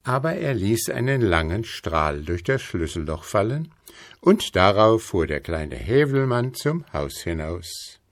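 A man with a lowish voice reads a fairy tale slowly, with lively, rising and falling pitch. The sound is close and dry. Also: no echo. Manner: slow, expressive, lively pitch. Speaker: storyteller. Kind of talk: reading a fairy tale aloud.

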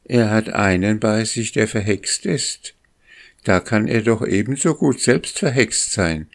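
A man's voice: lowish voice, unhurried, pitched above the performer's own voice. A man voicing a sly, scheming female goose who speaks in an insinuating, emphatic way, in a storybook reading.

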